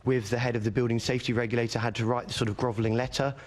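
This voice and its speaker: A man's voice: mid-range voice, level tone, racing. A man testifying before a committee as a leaseholder campaigner. He argues his points earnestly, in a mid-range voice, and often repeats a word to hammer it home. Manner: earnest, argumentative, repeats words for emphasis. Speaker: leaseholder campaigner giving evidence.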